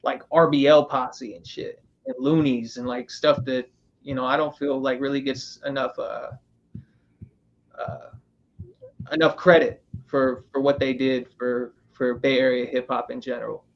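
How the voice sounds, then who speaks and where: A man's voice: mid-range voice, level tone, a little slow, lo-fi sound. A man hosting a casual roundtable podcast, talking loosely with lots of fillers, from Northern California. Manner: loose, rambling, filler-heavy. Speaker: podcast host.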